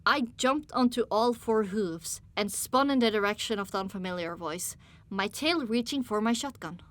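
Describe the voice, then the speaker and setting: A woman reading a first-person audiobook in measured storytelling. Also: mid-range voice. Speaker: audiobook narrator. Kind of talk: scripted first-person narration.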